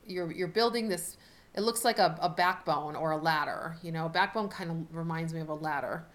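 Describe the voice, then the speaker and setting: Chatty woman reading tarot, noisy recording. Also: sits low. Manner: chatty, halting, thinks aloud while handling cards. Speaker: tarot card reader hosting a video reading. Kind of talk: casual unscripted tarot reading. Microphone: camera set up in front of the speaker. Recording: noticeable background noise with clicks.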